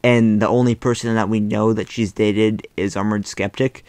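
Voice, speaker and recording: A man's voice: lowish voice, fairly even intonation, normal speed, darkish tone, no room sound. Exasperated man on a dry close mic. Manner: exasperated, rambling with fillers. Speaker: YouTube commentator. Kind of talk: casual commentary vlog. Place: bedroom.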